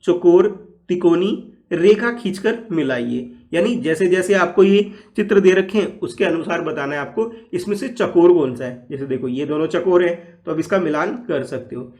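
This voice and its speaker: A man's voice: on the high side, a little fast, few pauses, a little mellow. A man teaching a first-grade lesson to young children, patient and repetitive, often checking in as he goes. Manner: patient, repeats "ठीक है" often. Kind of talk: class 1 lesson explanation.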